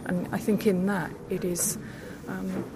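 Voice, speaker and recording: A woman's voice: mid-range voice, flat delivery, measured pace. A woman being interviewed at a trade show, stressing her points and repeating them. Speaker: interview guest. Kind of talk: casual interview. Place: busy exhibition hall. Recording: loud crowd noise behind.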